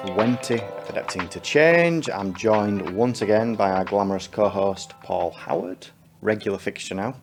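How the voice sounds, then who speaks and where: A man hosts a podcast in a relaxed, chatty way with a very low voice. He laughs easily and fills his pauses with plenty of ums. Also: soft background music. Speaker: podcast host. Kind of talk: casual podcast chat.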